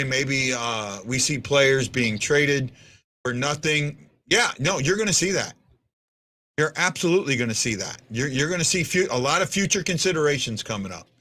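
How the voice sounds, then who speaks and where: A man in his fifties runs a hockey fan show as a casual livestream, answering viewers' comments bluntly and tending to repeat himself. His medium-pitched voice has a sharp tone and a moderate pace.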